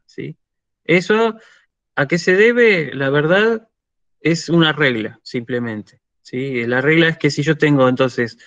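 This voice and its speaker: A man's voice: fairly high pitch, fairly bright tone, dry recording, dull audio. Argentine man lecturing, dry close sound. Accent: Argentine Spanish. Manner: checks in with frequent "¿sí?" and "¿mm?", thinking aloud with restarts. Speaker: university lecturer.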